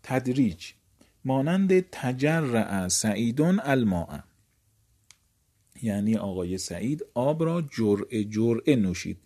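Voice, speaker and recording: Dark-voiced man teaching Arabic grammar. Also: fairly low pitch. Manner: explanatory, repeats words and examples. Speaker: seminary teacher.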